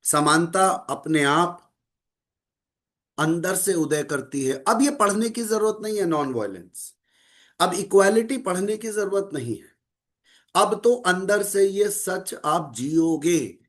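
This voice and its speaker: A middle-aged man giving a calm, measured spiritual talk to listeners, mixing in English phrases. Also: high-pitched. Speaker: spiritual speaker.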